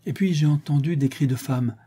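A man's voice: fairly high pitch, brisk, warm tone, breathy edge, pitched above the performer's own voice. A man reading an audiobook, voicing a frightened servant woman who gives her account in a plain, hesitant way. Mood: uneasy.

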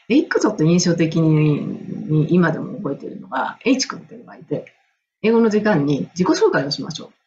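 Middle-aged woman from Japan, lively, chatty coach recounting memories; slightly dull recording with a light hiss. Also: low voice, normal speed. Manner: animated, enthusiastic, laughs often. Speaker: English and music coach. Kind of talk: casual storytelling monologue.

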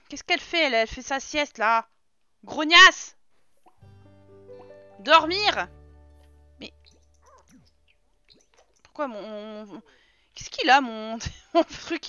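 Chatty woman streamer, bright edge, muffled lo-fi stream sound, talks back to her game. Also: a little high, measured pace, long pauses, clean tone, no echo, faint music behind. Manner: chatty, exclaims and scolds her game characters. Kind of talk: casual let's-play commentary.

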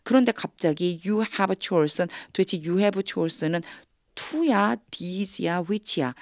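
A woman with a lowish voice and a Korean accent teaches English from Bible verses. She reads each English phrase slowly, then explains it in quick, patient bursts. The sound is dry and close. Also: expressive, a little mellow, no room sound. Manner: explains patiently, asks and answers her own questions. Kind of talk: Bible English reading lesson.

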